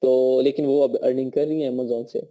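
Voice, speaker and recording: A man's voice: medium pitch, flat delivery, moderate pace, mellow. A man with a Pakistani accent and a sore throat, teaching a live online course over a call and checking in with his students often. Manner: conversational teaching, frequent check-ins. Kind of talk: live online class lecture.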